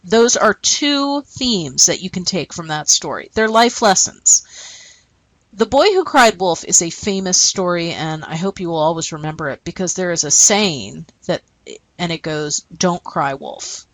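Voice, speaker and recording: A woman teacher walks through a lesson in a lively voice that rises and falls, pausing to check her listeners are following with a quick "okay?". Her voice sits a little low for a woman. The recording is close and dry, with no room sound. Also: no echo, rough recording.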